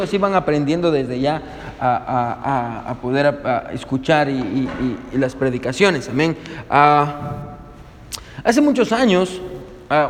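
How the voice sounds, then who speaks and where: High-voiced preacher in a reverberant hall. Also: male voice, slight background noise. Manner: fervent, many restarts and filler sounds. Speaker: pastor. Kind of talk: sermon with prayer and storytelling. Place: church service.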